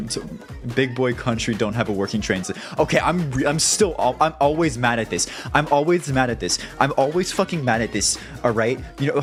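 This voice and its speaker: Profane, stammering young man ranting. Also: mid-range voice. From United States. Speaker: streamer. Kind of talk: casual stream chat.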